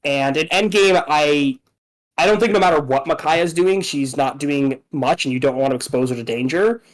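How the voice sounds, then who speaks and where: A man's voice: a little high, moderate pace, low-quality recording. A man casually explaining game strategy, hesitant, with many fillers and restarts.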